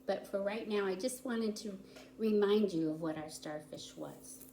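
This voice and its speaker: A woman volunteer with a mid-range, dark-toned voice reads to young children at a normal speed. She explains things simply, adding chatty asides and questions for her listeners during story time. The room echoes and background noise is audible.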